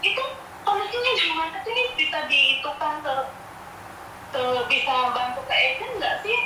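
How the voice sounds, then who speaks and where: A woman caller, a domestic worker, telling the story of a dispute with her employer in an animated way and acting out the quoted arguments. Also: extremely high pitch, normal speed, heavy reverb, distant mic, over music, poor audio. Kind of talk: phone-in complaint, retelling a dispute.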